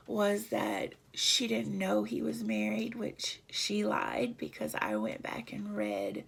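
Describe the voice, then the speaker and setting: A woman vlogger telling a personal story in a halting, emotional way, often dropping to a near whisper. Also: mid-range voice, creaky, a bit bright, breathy edge.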